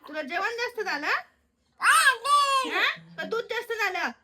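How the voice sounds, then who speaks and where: A woman's voice: very high-pitched, very animated, takes it slowly, very noisy. A mother talking playfully to her baby at home, pretending to scold him and repeating short questions over and over. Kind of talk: casual home video chat with a baby.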